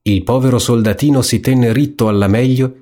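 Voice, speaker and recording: A man reading a fairy tale aloud in a calm, measured storytelling manner. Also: mid-range voice. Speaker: narrator.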